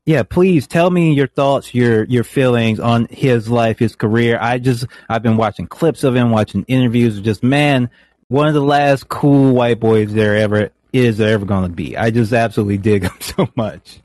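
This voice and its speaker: A man's voice: medium pitch, normal speed, darkish tone, dry recording. A man hosting a wrestling call-in podcast, talking casually and enthusiastically to his panel and laughing often. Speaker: podcast host.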